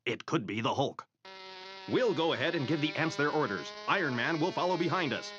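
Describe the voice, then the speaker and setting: Guy playing a bossy science superhero, businesslike, a bit high, music behind. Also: animated, brisk, lightly acted. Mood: commanding. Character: brisk, impatient scientist superhero commanding ants. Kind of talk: animated superhero comic voice acting. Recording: dull sound with music behind.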